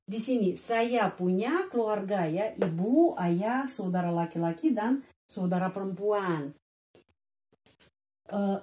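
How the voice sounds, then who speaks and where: A woman with a Russian accent teaching a language lesson, repeating words slowly and ending phrases with a questioning "ya". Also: mid-range voice, dark tone. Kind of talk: slow explanatory language lesson. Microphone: speaking to a whiteboard lesson video.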